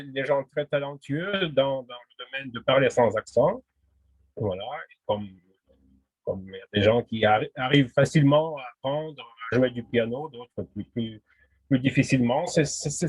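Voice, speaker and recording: A man's voice: medium pitch, breathy edge, dry recording. A man teaching linguistics in a casual spoken lesson, hesitant, full of fillers and restarts. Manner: laughs readily.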